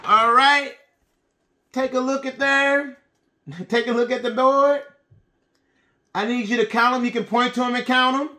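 A middle-aged man teaching young children, animated and encouraging, using simple repeated phrases and questions as if talking to toddlers. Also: very high-pitched, a little slow, long pauses. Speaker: preschool and kindergarten teacher. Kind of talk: children's lesson addressed to young pupils. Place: small indoor room with bookshelves.

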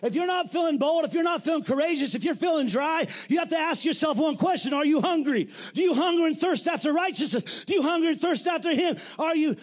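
A middle-aged man preaches a fiery sermon, his voice sitting very high for a man. He talks bluntly and colloquially and often breaks into shouts. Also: animated, quick pace, hardly any pauses. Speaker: pastor.

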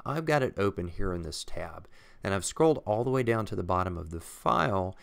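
A man calmly walking through a software tutorial step by step over a screen recording. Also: low voice, fairly quick, creaky. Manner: calm, methodical, explains step by step.

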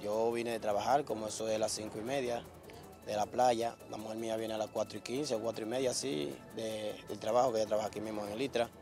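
A man's voice: fairly low pitch, steady tone, quick pace, over music. A man, the father of a victim, retelling events in a rambling, agitated way during an outdoor street interview.

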